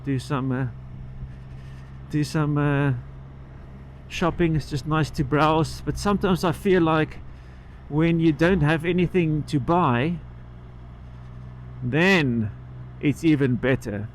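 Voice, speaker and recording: Higher-pitched man chatting inside a motorcycle helmet. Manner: halting, trailing off and picking the thread back up. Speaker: motorcycle vlogger. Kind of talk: casual rambling vlog chat while riding. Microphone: microphone inside the helmet. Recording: inside-helmet sound with road and engine noise.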